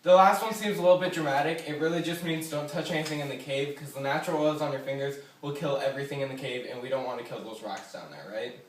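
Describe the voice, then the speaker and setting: A man with a fairly high voice leads an informal cave tour. His patter is dry and joking. The cave wraps his words in strong echo and a long reverberant tail, picked up some way from the mic. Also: steady tone, fast talker, few pauses, far from the mic, slight background noise. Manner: joking, dryly humorous patter. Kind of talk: informal guided tour talk. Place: inside an underground limestone cave.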